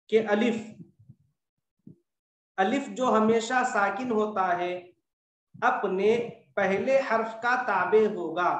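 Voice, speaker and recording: A man teaching Quran recitation rules in a patient, repetitive classroom style, slowly stretching out the example words. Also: sits high, fairly bright tone, far from the mic. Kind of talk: classroom lesson on tajweed rules. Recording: echoey room, voice from off the mic.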